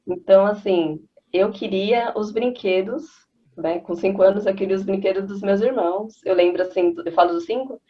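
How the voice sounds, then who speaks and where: A woman, a mother of three, chatting casually and rambling through parenting stories and advice. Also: medium pitch. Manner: rambling, conversational, frequent fillers like "né" and "assim". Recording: slightly dull lo-fi audio.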